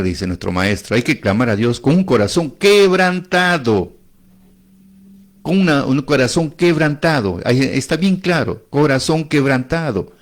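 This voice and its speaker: A man preaching a sermon, repeating phrases for emphasis and asking rising rhetorical questions. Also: fairly high pitch.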